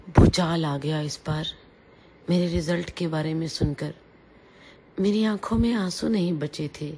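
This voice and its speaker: A woman hosting a radio story show, telling a story in the first person in a calm, intimate way. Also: on the low side, slightly rough.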